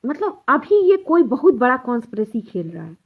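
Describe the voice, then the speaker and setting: A woman's voice: high voice, big pitch swings, normal speed. A woman vlogger giving an earnest personal account straight to her viewers and insisting she is telling the truth. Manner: earnest, insistent, speaks directly to listeners. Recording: tinny phone-like sound.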